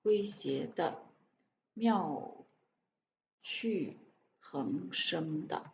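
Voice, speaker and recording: A woman's voice: sits low, lively intonation, extremely slow, creaky. A woman practising English aloud, stumbling over words and repeating them as she sounds them out, with spoken translations. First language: Chinese. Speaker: English learner reading aloud. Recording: dull lo-fi live-stream audio with faint noise.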